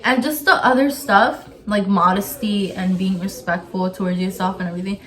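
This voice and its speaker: A young woman hosting a casual chat video, relaxed, often saying "like" and "literally". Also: medium pitch, moderate pace. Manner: relaxed, says "like" and "literally" a lot. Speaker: host.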